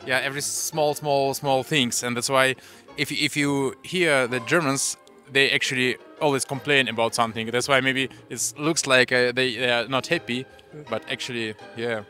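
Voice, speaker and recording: A man answering a street interview, halting and repeating words as he searches for them. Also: mid-range voice, fairly even intonation, sharp tone, faint music behind.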